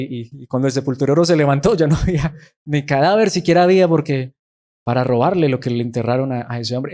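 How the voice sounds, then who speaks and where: A man's voice: on the high side, darkish tone. A man preaching a sermon. He calls his listeners brothers, asks them questions and acts out prayers to God.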